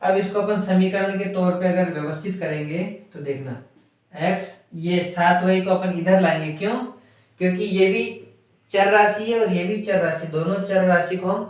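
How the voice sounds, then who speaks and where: A man's voice: high-pitched, normal speed. A man teaching a maths lesson, who keeps asking his class questions and answers them himself. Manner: asks and answers his own questions, repeats key words. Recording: very echoey room, voice far from mic.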